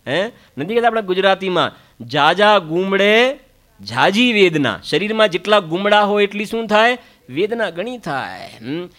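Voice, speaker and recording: A man delivers a spiritual discourse in a fairly high voice. He teaches through repetition and proverbs. He keeps tossing short questions to his listeners to check that they follow. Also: lively intonation, normal speed, fairly bright tone. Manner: frequent questioning interjections to listeners. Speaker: Jain spiritual lecturer. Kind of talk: Gujarati religious discourse.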